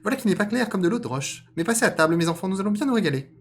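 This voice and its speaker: A man's voice: high-pitched, animated, very fast, pitched above the performer's own voice. A man doing a plump cocky trickster rabbit. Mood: perky.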